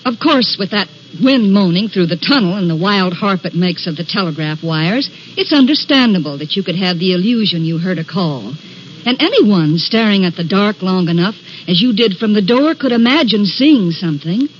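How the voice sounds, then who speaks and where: A woman's voice: medium pitch, animated, normal speed, slight background noise, close to an everyday voice. A woman playing a skeptical, frightened traveler. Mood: tense. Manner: clipped, questioning, narrating in first person. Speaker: visitor to the signal shack. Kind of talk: 1940s radio acting. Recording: dull old radio recording.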